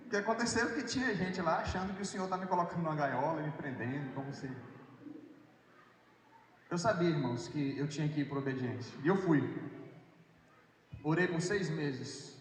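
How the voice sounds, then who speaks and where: High-voiced man preaching in an echoey hall. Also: fast talker, slight background noise. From Brazil. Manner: storytelling, swings from hushed to excited. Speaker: worship minister and preacher. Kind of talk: sermon testimony. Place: large hall at a youth congress.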